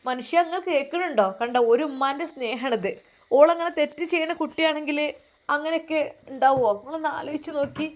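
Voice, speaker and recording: A woman's voice: sits high, a little fast, close to an everyday voice. A protective mother pleads and soothes in a raised, strained voice, as a woman storyteller puts her on. Her words come out tender and urgent. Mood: pleading. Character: tearful, protective middle-aged mother.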